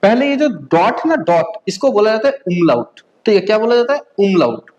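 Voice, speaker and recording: Woman, from India, language teacher, beginner lesson, slow spelled-out sounds, frequent check-ins. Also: mid-range voice, sing-song, darkish tone, dull audio.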